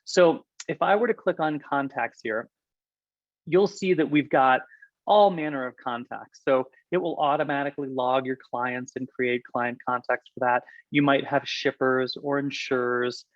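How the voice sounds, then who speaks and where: A man presenting a software walkthrough on a webinar, talking quickly and chattily with some fillers. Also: mid-range voice, no room sound, dull audio. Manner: fast, chatty, explanatory with fillers. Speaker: product presenter.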